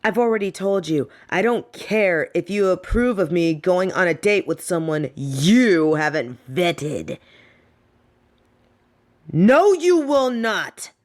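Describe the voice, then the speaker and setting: A young woman with a mid-range voice performs a scripted audio roleplay as the defiant, fed-up adult daughter of a snobby rich family. Her delivery is sardonic and emphatic.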